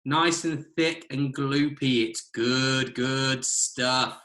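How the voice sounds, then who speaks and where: A man's voice: mid-range voice, fairly even intonation, very slow, sharp tone. A British man giving a live outdoor cooking demonstration by a campfire, instructive and friendly, speaking to children watching. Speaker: forest school instructor.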